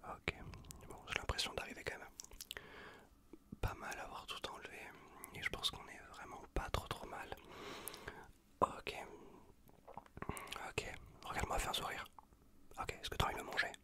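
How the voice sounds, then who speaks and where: A man whispers close to a USB condenser microphone in an ASMR roleplay of a medical exam, playing an untrained medic. He talks at a moderate pace with frequent pauses, keeping it hushed, reassuring, repetitive, and casually slangy.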